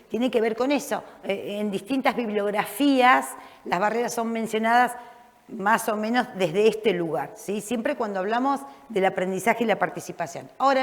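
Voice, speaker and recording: Woman teacher, animated lecturer, recorded with long room echo. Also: medium pitch. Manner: lively, frequent "¿sí?" checks, restarts. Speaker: teacher trainer. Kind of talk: classroom lecture. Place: classroom. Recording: reverberant classroom.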